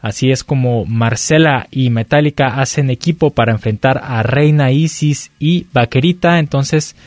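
A man with a Mexican accent hosts a lucha libre show, presenting the match card in a conversational way and pausing as he searches for words. His voice is medium-pitched with a darkish tone, and there's no echo.

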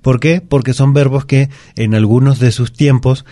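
A man's voice: medium pitch, fairly even intonation, moderate pace, mellow, no echo, faint music behind. A man, a grammar teacher patiently explaining spelling rules as a guest in a radio studio. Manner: patient, methodical, repeats examples.

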